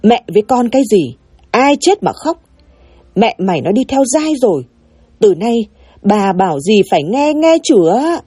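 A stern old grandmother snapping harsh words, as a woman puts her on. Her voice is husky and mellow, with lively swings in pitch. It sounds like a dry audiobook reading. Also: measured pace, no room sound. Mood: scolding. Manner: harsh, scolding.

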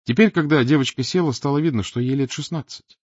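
A man reading an audiobook aloud in an expressive, dramatic narration style. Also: mid-range voice, fast talker, no echo. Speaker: audiobook reader. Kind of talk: scripted narration. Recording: dull dry lo-fi recording.

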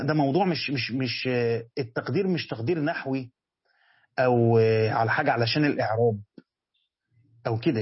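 A man's voice: medium pitch, slightly rough, no room sound, dull audio. A man with an Egyptian Arabic accent teaching a Quran commentary lesson. He asks his students questions and then answers them himself. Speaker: religious teacher.

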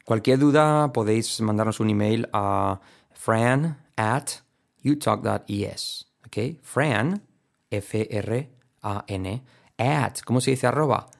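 A man from Spain teaching English pronunciation in a recorded audio lesson. His low voice has a gravelly texture. He is playful, repeating example words and acting out mistakes. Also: slow. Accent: Spain Spanish. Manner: playful, explains with mock examples and repetition.

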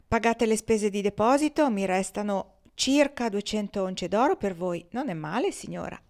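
A woman reading an audiobook aloud, voicing a kindly male shopkeeper in a soft, lowered voice. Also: expressive, moderate pace, natural voice.

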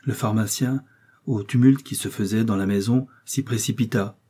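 Male audiobook narrator, measured and grave, low mellow voice with a husky edge.

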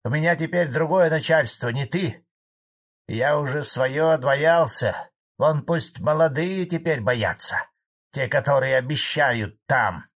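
A man playing a cantankerous old collective-farm cattleman in an audiobook, talking gruffly and raising his voice well above the narrator's. The figure has a husky, slightly rough tone and grumbles indignantly at his bosses. His lines come loud, pitched up and heated. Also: lively intonation, measured pace, full character voice. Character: angry old male Soviet cattle farmer, blunt.

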